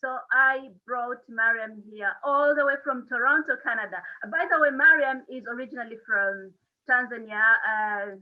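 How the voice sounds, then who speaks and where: Effusive female host on a tinny line. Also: fairly high pitch. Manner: effusive, halting with fillers. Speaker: show host. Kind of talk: online interview show introduction.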